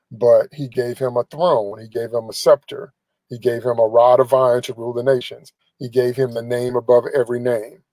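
A man's voice: medium pitch, a little mellow, no room sound, rough recording. A middle-aged man preaching a live-streamed sermon from inside a car into a phone held at arm's length, emphatic and repeating phrases for emphasis. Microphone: phone camera at arm's length.

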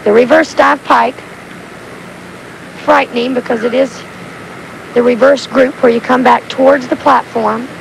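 A woman's voice: high voice, steady tone, unhurried, vocal fry, long pauses. A woman explaining technique as an expert analyst in live sports commentary on an old stadium broadcast. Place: outdoor diving stadium. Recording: very noisy crowded 1980s stadium broadcast.

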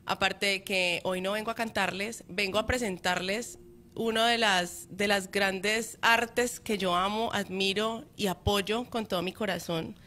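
A woman co-hosting a morning show, introducing guests in a playful, warm way. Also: mid-range voice, fairly even intonation, measured pace. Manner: playful, laughing, then warmly presenting guests.

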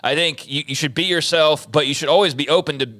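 A man's voice: fairly high pitch, quick pace, sharp tone. A young man co-hosting a sports talk show from a studio, speaking reflectively and rephrasing as he goes. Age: young adult. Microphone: studio mic with headphones.

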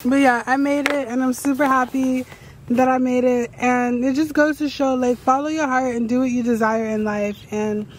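A tired woman in a rambling, excitable casual vlog to camera, recorded outdoors at night on a handheld phone after a long ride. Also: high voice, normal speed, noisy background. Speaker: travel vlogger.

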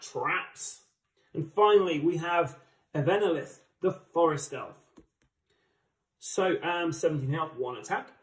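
A man with an English accent giving chatty, enthusiastic, casual unboxing commentary as a board game channel host. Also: on the high side. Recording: roomy, distant microphone.

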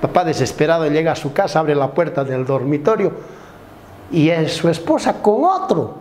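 Bolivian male stand-up comedian, high pitch, does playful character voices. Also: big pitch swings, moderate pace, a little mellow, slight background noise. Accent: Bolivian Spanish. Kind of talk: stand-up joke telling.

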